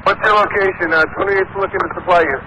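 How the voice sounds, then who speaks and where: A man's voice: high-pitched, fairly even intonation, fast talker, sharp tone. A man giving terse fire service updates over a two-way radio. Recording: noisy fire radio traffic.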